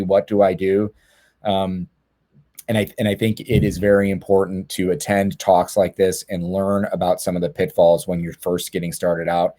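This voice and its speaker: Low, flat-voiced man on a webinar. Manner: earnest, repeats words as he restarts phrases. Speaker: lawyer on a panel. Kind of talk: webinar panel talk.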